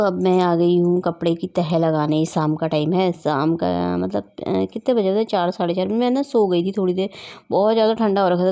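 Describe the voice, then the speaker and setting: A woman's voice: on the low side, warm tone. A middle-aged woman narrating her daily routine in a casual vlog voice-over, chatty and rambling with many fillers and restarts. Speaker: vlogger.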